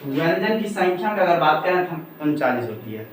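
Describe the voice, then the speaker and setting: A man's voice: a little high, very animated, fairly quick, soft background music. A man teaching a Hindi grammar lesson, from Bihar, asking questions and answering them himself, again and again. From Bihar, India. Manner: repetitive call-and-response questioning. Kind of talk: classroom-style lesson. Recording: very echoey room, mic far off.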